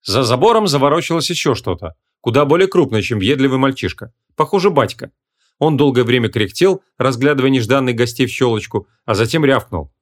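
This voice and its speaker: A man's voice: mid-range voice, fairly quick. Man reading a humorous fantasy audiobook. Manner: lively expressive reading. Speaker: audiobook narrator.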